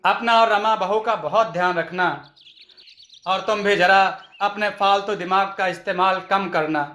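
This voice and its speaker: A man's voice: high voice, steady tone, measured pace. A man doing a patient old father-in-law. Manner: gentle, patient. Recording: echoey room.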